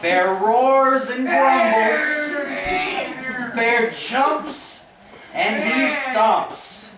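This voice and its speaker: A woman narrating a children's picture-book play at a home party, reading aloud slowly and expressively. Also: fairly high pitch. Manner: slow, expressive storybook reading. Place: home birthday party, indoors. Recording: roomy, distant home video with background noise.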